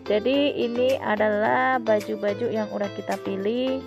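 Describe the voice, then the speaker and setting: Woman in her thirties, calm vlog voice-over over clear background music, mid pitch. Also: normal speed. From Indonesia. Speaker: vlogger.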